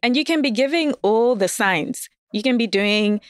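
A woman from Zimbabwe, a guest writer on a podcast, chats candidly and casually, laughing often and hedging her opinions. Her voice sits on the high side, expressive and clean at a moderate pace, with dry, clean studio sound.

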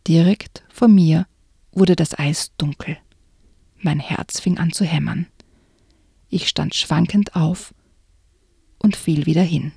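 A woman reading a children's book excerpt aloud in a hushed, often whispered way, then chatting about it. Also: sits low, takes it slowly, creaky, long pauses, husky, no echo, clean studio sound. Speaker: reader and co-host.

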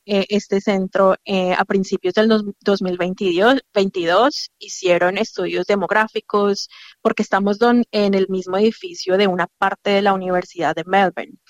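A woman educator explains how young children learn, thinking aloud and restarting now and then. Her voice is mid-pitched, and the recording is dry and close, with little room sound. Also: dry recording. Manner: thoughtful, explanatory, with fillers and restarts. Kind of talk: conversational interview answers. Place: childcare centre.

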